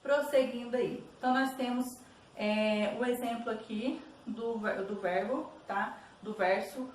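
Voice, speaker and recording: Brief: Brazilian woman, teacher voice, slightly high, patient explainer, distant echoey recording. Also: steady tone, measured pace. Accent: Brazilian Portuguese. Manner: patient, repeats "tá bom?" checks. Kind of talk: explaining school exercises. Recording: roomy echo, distant mic, faint noise.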